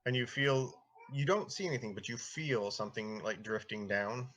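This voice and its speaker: A man's voice: fairly low pitch, normal speed, fairly bright tone, slight background noise. A man improvising narration as game master of a tabletop fantasy game, in a casual, conversational way.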